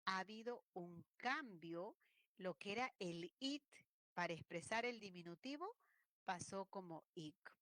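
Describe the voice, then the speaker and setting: In an online language class, a woman with a mid-range, fairly bright voice explains each point and acts out how people speak in different regions. No room sound is audible.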